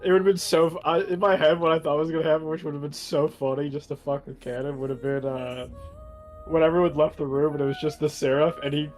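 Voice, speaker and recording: A man's voice: fairly high pitch, flat delivery, fairly quick, faint music behind. A young man chatting with his game group, swearing and laughing as he talks. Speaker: tabletop game player. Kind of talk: casual chat.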